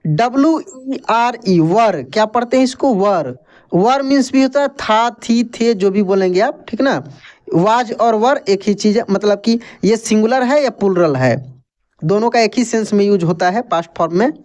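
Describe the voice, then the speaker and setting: A man's voice: high voice, moderate pace, darkish tone. A man teaching English reading. He spells each word letter by letter, repeats it several times, and asks and answers his own questions. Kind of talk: spoken language lesson.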